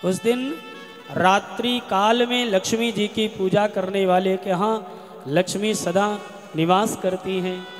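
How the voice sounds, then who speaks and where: A man with a high, measured voice delivers a devotional scripture discourse, chanting verses in a melodic style between slow spoken passages. His voice rings with long reverb through a large hall, with soft music underneath. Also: fairly even intonation. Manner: chants Sanskrit verses in a sung style, then explains in speech. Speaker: katha preacher.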